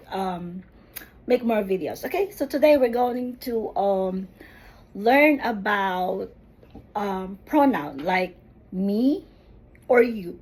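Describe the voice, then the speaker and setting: A woman who teaches Tagalog, giving a language lesson and slowly repeating each word so learners can follow its pronunciation. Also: medium pitch, a little mellow, slightly rough, rough recording. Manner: slow, deliberate, repeats words for pronunciation. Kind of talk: slow spoken language lesson.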